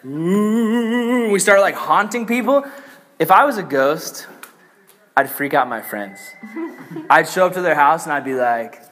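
A man's voice: a little high, lively intonation, unhurried, pauses often, pushed and bright, a little hiss or hum. A young man giving a casual, joking youth sermon, full of "like" and playful asides. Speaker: youth pastor. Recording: echoey hall reverb.

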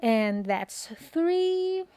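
A woman's voice: very high voice, big pitch swings, very slow, mellow, no room sound. A woman co-hosting a casual podcast chat, speaking in a thoughtful, earnest way. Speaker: podcast co-host.

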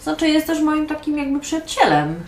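A woman voicing a young apprentice merchant in a tabletop game, hesitant with many pauses. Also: sits high, big pitch swings, pitched above the performer's own voice. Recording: echoey room, music behind.

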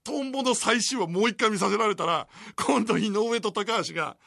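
A high, bright-voiced man in his forties hosts a late-night radio show from a studio. He tells a long story in a lively way and laughs often. The sound is close and dry. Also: moderate pace, vocal fry, no echo. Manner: animated storytelling with frequent laughter. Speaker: radio host. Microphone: studio microphone.

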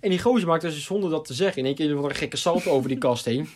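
A young adult man casually telling a funny school story, animated and laughing as he goes, with lots of fillers. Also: fairly high pitch, very fast.

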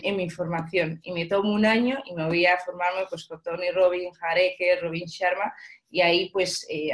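Young woman, interview guest, fairly low voice, animated storyteller. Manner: animated storyteller, acts out dialogue. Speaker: guest entrepreneur.

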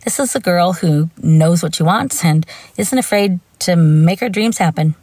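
A woman's voice: fairly low pitch, moderate pace, a little mellow, no room sound. A woman hosting a true crime show, reading scripted narration broken up by informal, wry asides. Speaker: true crime podcast host.

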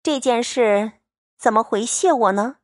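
A woman voicing a clever, sharp-tongued young maidservant who teases in a playful, raised voice. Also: fairly high pitch, unhurried, dry recording, studio quality, lightly acted. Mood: teasing. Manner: teasing, playful.

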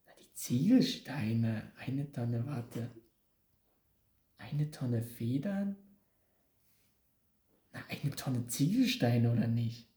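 Low-voiced woman talking blunt German street slang. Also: animated, takes it slowly, warm tone. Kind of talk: casual quiz chat between friends. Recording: roomy, echoey indoor sound.

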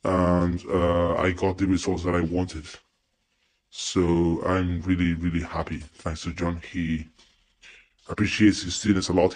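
Here a student from Spain offers a relaxed, halting testimonial about his coaching, speaking with an accent that mixes Spanish and American influences. Spanish is his first language, and his low voice has a slightly mellow quality.

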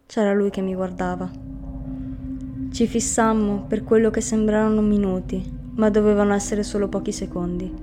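A woman narrates a grim first-person story. Her pitch barely moves, which gives the reading a flat, heavy feel. Music plays clearly beneath her voice. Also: normal speed. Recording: music bed under the reading. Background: music underneath.

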